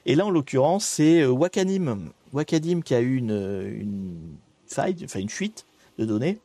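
A man's voice: mid-range voice, animated, moderate pace, warm tone, dry recording. Chatty man hosting a live stream. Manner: chatty, hesitant with many restarts. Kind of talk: casual live stream chat.

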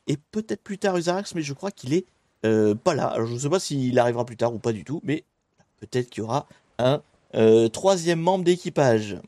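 A man's voice: medium pitch, darkish tone, no echo. A young man hosting a live stream in a casual, rambling way, chatting with his viewers while he plays a game, with many fillers and restarts. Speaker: streamer and host.

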